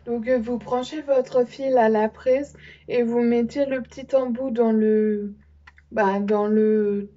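A woman's voice: on the high side, fairly even intonation, slow, mellow, muffled recording. A young French-speaking woman presenting makeup in a casual vlog, hesitant with many fillers. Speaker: beauty vlogger. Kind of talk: casual show-and-tell vlog.

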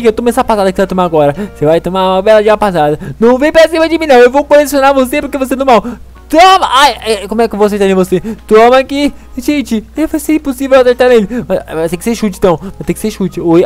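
Male gaming YouTuber, very high pitch, rapid, jumpy delivery. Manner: jumpy and excitable, talks to game characters. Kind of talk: excited gameplay commentary.

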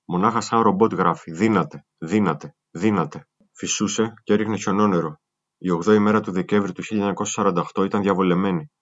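A man reading a first-person memoir aloud in a steady, grave storytelling manner. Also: sits low. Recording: muffled lo-fi recording.

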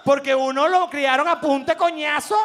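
A man with a Venezuelan accent doing a comic monologue as show host, animated and laughing, slipping into mock voices. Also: extremely high pitch, moderate pace. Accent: Venezuelan Spanish.

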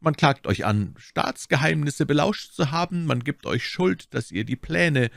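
A man putting on a stern old cardinal in a storybook reading, his voice lifted well above the reader's own and rough with gravel. He speaks slowly and deliberately, with a cold, commanding menace, in a dry, close sound. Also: a little high, animated, no echo, pitched above the performer's own voice, heavily acted. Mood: stern, imperious. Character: stern, imperious older male cardinal. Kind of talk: audiobook character voice.

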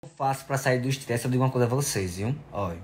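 Speaking quickly in a medium-pitched, darkish voice, a man in his 20s chats playfully and affectionately with followers, answering their questions. The casual selfie Q&A is filmed indoors in his bedroom and kitchen on a phone held at arm's length, and there's slight hiss or hum. He's a social media influencer.

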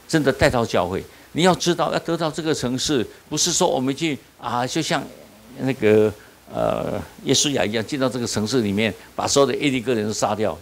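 Male pastor, lowish voice, preaches in questions he answers himself, faint tape hiss. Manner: call-and-response, asks the audience questions and answers them; repeats "你知道吗" often. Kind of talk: sermon at a small-group leader training.

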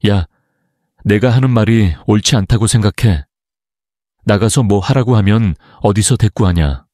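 A man's voice: on the low side, moderate pace, mellow, no room sound, clean studio sound, close to an everyday voice. A man voicing a rude, coarse sister-in-law who snaps and talks down to people. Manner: rude, snapping.

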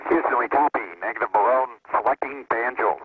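A shuttle crew member giving terse, flat procedural readbacks over a breaking-up space-to-ground radio link. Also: male voice, medium pitch, fairly quick, breathy edge. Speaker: shuttle crew member reading back calls. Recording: tinny crackly radio link with static.

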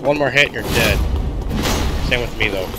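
A man's voice: medium pitch, normal speed, heavy background noise. A sick man coughing now and then while giving rambling, self-deprecating casual commentary over his gameplay. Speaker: gaming channel host. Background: loud game music.

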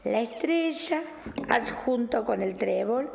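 A woman's voice: on the high side, expressive, slow, vocal fry, a little mellow, a little hiss or hum. A middle-aged woman with a Rioplatense accent hosting a show as a tarot reader, affectionate and chatty with the caller, her voice still recovering from a loss of voice. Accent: Rioplatense Spanish. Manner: affectionate, chatty, calls caller "mi cielo", "querida". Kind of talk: on-air fortune-telling reading.

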